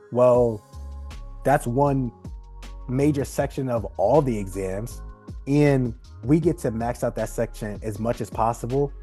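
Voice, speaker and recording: A man leads an online study group in an easygoing, slangy way, circling back to the same key advice. His voice is mellow and dark. Soft music plays faintly underneath. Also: mid-range voice. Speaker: exam prep tutor hosting a study group. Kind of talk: casual encouraging wrap-up talk.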